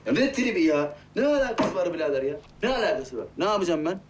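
A man's voice: fairly high pitch, very animated, fast talker, background noise. An actor playing a touchy man who answers defensively and sarcastically, sulking. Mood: sulky. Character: sulky, touchy man who pretends not to care. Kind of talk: TV series acting.

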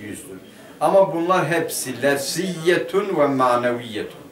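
Male teacher, higher voice, leads a grammar lesson and quizzes the class, heard from across an echoey room. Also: expressive, a little slow, a bit bright. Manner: asks the class questions and answers them himself. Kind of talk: Turkish madrasa lesson explaining a grammar text. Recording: roomy classroom picked up from a distance.

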